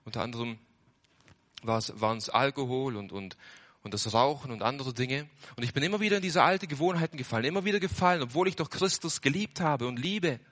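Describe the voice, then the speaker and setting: Preaching his testimony at a quick pace, a young man speaks with earnest sermon fervor in a bright, forceful tone. He repeats phrases for emphasis, and his voice climbs to loud surges before falling to hushed lows.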